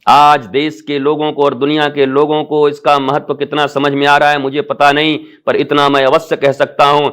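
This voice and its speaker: A man's voice: fairly high pitch, completely flat delivery, normal speed, few pauses, smooth. Impassioned man giving a spiritual discourse. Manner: impassioned, rising to emphatic peaks then softening; rhetorical calls to the audience. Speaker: spiritual teacher. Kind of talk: devotional discourse.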